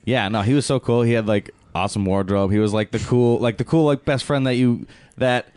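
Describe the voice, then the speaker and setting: A man's voice: medium pitch, brisk, darkish tone, smooth, no room sound. A man hosting a podcast, easygoing, steering a casual film chat by asking the others questions. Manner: easygoing, asks the group questions. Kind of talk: casual movie discussion.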